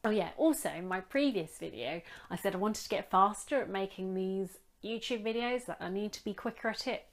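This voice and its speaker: A woman's voice: medium pitch, fairly quick. Woman vlogger from England, casual, wry and rambling, talking to a phone camera at home. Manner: rambling, self-deprecating, wry. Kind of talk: casual chatty vlog. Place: home room with daylight. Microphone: phone front camera.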